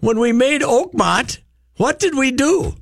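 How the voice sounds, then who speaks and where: A man hosting a sports radio show, blunt and animated, sometimes raising his voice to make a point. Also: very high voice, measured pace, gravelly, no echo. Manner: blunt and animated, rising to shouts when making a point. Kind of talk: opinionated sports talk.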